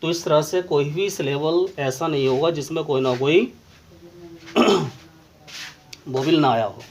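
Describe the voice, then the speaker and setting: Indian man slowly teaching English grammar. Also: a little high, a little hiss or hum, poor audio. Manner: slow, dictating English definitions word by word. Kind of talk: classroom lesson explaining grammar.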